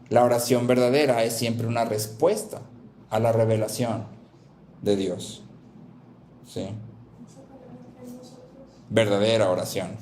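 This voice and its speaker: A man in the middle of a sermon, speaking at an ordinary pitch. He repeats each main point and keeps checking in with his listeners. His voice rings around an echoey church hall. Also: a little mellow. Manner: repeats key phrases, asks "¿sí?" to check in. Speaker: preacher.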